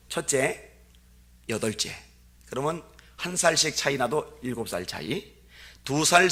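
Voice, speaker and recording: A middle-aged man preaching a revival sermon in a church, moving from chatty asides to loud, climbing peaks as he acts out quoted voices. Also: medium pitch. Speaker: guest pastor. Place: church sanctuary.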